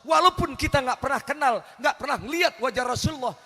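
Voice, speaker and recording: A man's voice: very high-pitched, brisk, bright, forceful tone, big-room sound. A male preacher giving a humorous sermon, teasing the audience with questions. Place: religious gathering at night.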